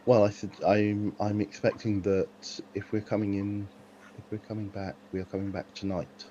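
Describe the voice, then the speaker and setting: A man's voice: fairly low pitch, level tone, moderate pace, dark tone. A man playing a tabletop game on an online call, chatting casually and a little tentatively. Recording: muffled call, faint background noise.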